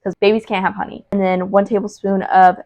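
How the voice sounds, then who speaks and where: A woman's voice: medium pitch, flat delivery, a little fast, mellow, dry recording, lo-fi sound. A young woman chatting casually while baking in her home kitchen, talking loosely with lots of fillers and restarts. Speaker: vlogger. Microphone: small clip-on mic.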